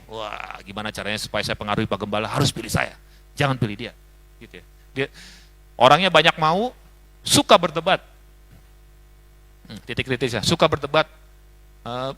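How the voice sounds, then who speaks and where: A male pastor teaching a leadership seminar in a lively way, listing traits and often addressing his listeners. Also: medium pitch. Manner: lively, lists traits, often asks the audience.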